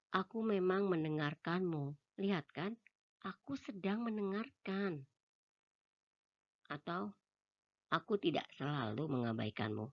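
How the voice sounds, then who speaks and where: A woman reading a self-help book aloud in a steady manner, giving voice to the quoted lines of dialogue. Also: sits low, lo-fi sound. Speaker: book reader.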